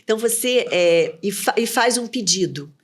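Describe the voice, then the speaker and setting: A woman's voice: mid-range voice, lively intonation, moderate pace. A woman, a communication mentor being interviewed, who gives advice in short, firm phrases. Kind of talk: conversational podcast interview.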